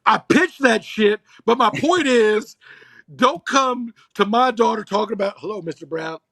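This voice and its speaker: Animated high-voiced man telling stories. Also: a little slow, dry recording. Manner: animated storyteller, swears freely. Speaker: roundtable panelist. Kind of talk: casual podcast banter.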